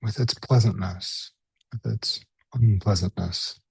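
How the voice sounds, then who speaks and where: As a mindfulness meditation teacher, a man guides a body scan in a mellow, lowish voice that is very husky and breathy. His delivery is gentle, with short phrases and unhurried pauses between them. The sound is close and dry, with no room sound.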